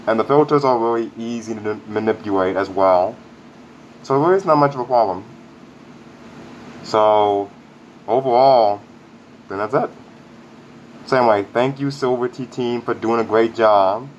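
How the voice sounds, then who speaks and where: A man's voice: medium pitch, normal speed, pauses often. A man speaking through a face mask in a casual, rambling vlog review, upbeat and repeating himself. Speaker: product reviewer. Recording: dull lo-fi audio with faint air conditioning hum.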